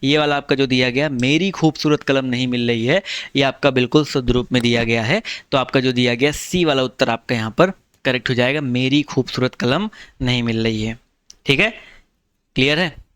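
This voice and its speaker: A man's voice: medium pitch, moderate pace, fairly bright tone, clean tone, no echo. A male teacher going through a Hindi exam test, explaining each answer step by step and checking with students as he goes. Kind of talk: online test walkthrough lesson.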